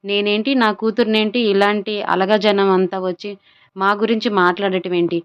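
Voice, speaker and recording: A woman's voice: mid-range voice, steady tone, moderate pace, clear, resonant tone, dull audio, lightly acted. A woman reading a story aloud, voicing a haughty, stern rich father who looks down on others. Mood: scornful. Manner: contemptuous, stern.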